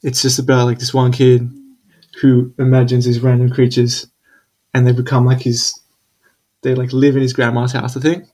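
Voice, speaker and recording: A man's voice: medium pitch, completely flat delivery, moderate pace, darkish tone. A young man in casual chat, laid-back and hesitant, with many fillers. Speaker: conversation partner.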